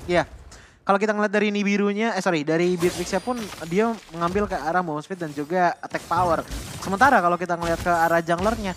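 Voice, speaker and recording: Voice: medium pitch, fairly even intonation, quick pace, a bit bright, a little hiss or hum. An esports caster with an Indonesian accent giving live game commentary and analysis in long, run-on explanatory calls.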